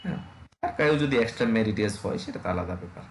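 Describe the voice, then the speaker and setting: A man's voice: on the low side, lively intonation, rapid-fire, echoey room, a little hiss or hum. A man, teaching an online web design class in a casual way, with many fillers and checks on his students.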